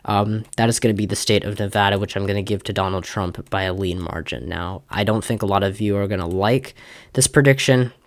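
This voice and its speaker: A man's voice: lowish voice, a little fast, dry recording. A young man giving casual election prediction commentary, talking loosely with many fillers and restarts. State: slightly out of breath. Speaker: political commentator.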